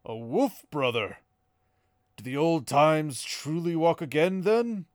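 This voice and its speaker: Man reading as ancient Green Man: booming, slow, solemn; dry recording. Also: dry recording. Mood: wondering. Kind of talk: reading a novel aloud.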